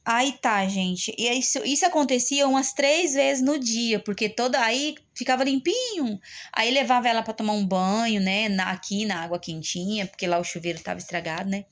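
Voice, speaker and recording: A Brazilian woman in a casual vlog, telling her viewers about caring for a relative at home. Her voice sits a little high. She rambles and keeps turning to the audience as she talks. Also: normal speed. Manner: rambling, often turns to viewers. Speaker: family caregiver.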